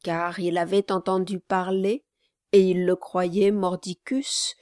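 Female audiobook narrator, measured and unhurried, dry studio sound. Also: on the low side, no echo. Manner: measured, even storytelling. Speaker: audiobook reader. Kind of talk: scripted narration of a classic novel.

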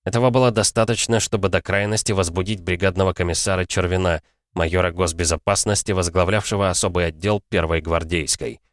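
Low-voiced guy reading an audiobook, steady, dry close sound. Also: fairly quick, dry recording. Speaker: audiobook narrator. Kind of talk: scripted audiobook narration.

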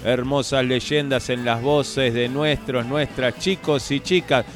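A man's voice: medium pitch, takes it slowly, soft background music. A man with an Argentine accent hosting a school radio show, reading listener messages casually and repeating words as he goes. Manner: chatty, repeats words in bursts.

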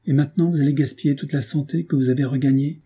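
Give me a gentle, tearful young woman, a man doing her in a dark, husky tone, in an audiobook. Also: medium pitch, steady tone, fast, pitched above the performer's own voice. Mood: tender. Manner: soft, trembling, tearful. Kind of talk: audiobook reading.

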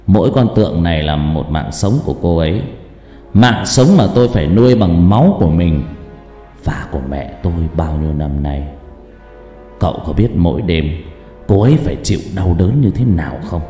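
A grim older guard speaks in a low, grave, threatening tone, as a man acts him out. His voice is very dark and sits in a long, echoing hall over faint music. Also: lively intonation, normal speed. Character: grim older male guard, bitter and vengeful. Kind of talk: horror story narration.

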